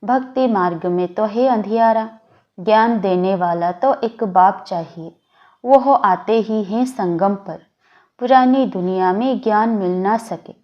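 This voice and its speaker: A woman reads a spiritual discourse aloud in a measured, deliberate recitation. She speaks very slowly and evenly, at a middle pitch. The recording is dull and lo-fi. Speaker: reader of a daily spiritual discourse.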